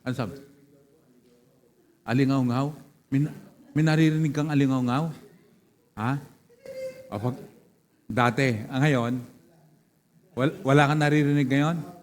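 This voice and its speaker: A pastor preaches a sermon in a church hall, throwing questions and calls of praise to the congregation. His voice is medium-pitched with a darkish tone, and the recording carries a long church reverb.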